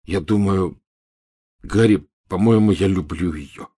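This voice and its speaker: A man reading an audiobook, voicing a hot-headed teenage boy wizard who swings from hushed dreaminess to shouting. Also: low-pitched, fairly even intonation, unhurried, husky. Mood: lovestruck.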